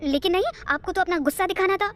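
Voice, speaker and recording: A woman's voice: extremely high pitch, quick pace, voice pushed up. A woman voicing a bubbly young woman who talks nonstop and breezily insists she rarely speaks. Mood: chatty, breezy. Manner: nonstop talker, innocent and breezy. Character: chatty bubbly young woman, new employee.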